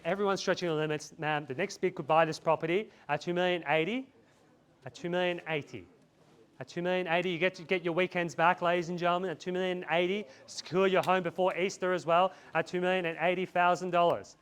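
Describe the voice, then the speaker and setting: A man's voice: high-pitched, steady tone, fast, a bit bright, smooth. A man calling a live property auction outdoors, repeating bid figures in a chant and urging buyers on. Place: outdoors in a residential street.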